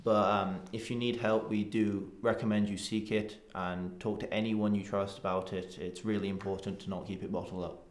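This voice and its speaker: Teen boy co-host, earnest, lowish pitch, echoey room. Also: little pitch movement, moderate pace. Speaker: podcast co-host. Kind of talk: casual chat.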